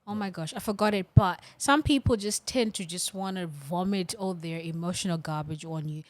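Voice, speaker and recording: A woman's voice: on the low side, normal speed, no room sound. A young woman from Africa co-hosting a casual chat, laughing easily and explaining things carefully. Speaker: podcast co-host.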